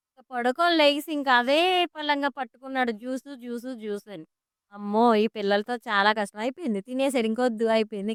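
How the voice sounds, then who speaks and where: Fast-talking chatty woman vlogger. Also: on the high side, a bit bright, clear, resonant tone, dry recording, studio quality. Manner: chatty, amused storytelling. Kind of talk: casual voice-over vlog. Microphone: close voice-over mic.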